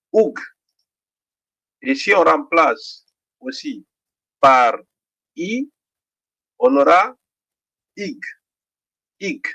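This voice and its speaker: A middle-aged man with a Guinean French accent teaching a literacy lesson, slowly sounding out syllables and often checking in with the class. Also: high voice, gravelly, a bit bright. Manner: slow, deliberate, repeats each sound; checks in with "d'accord?".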